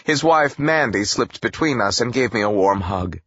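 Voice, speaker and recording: Guy reading a thriller audiobook, husky lowish voice, very lively pitch, dry slightly dull sound. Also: moderate pace, dry recording. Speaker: audiobook narrator. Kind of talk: first-person audiobook narration.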